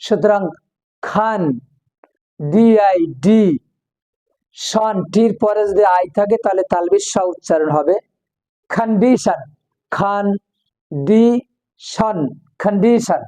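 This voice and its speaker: A teacher speaks extremely slowly, drawing out every word. The voice is warm and mellow. Words are repeated over and over and split into their parts for learners. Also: medium pitch, rough recording. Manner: repeats each word several times and breaks words into parts; switches between English and Bengali explanations. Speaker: English teacher. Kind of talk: recorded online lesson.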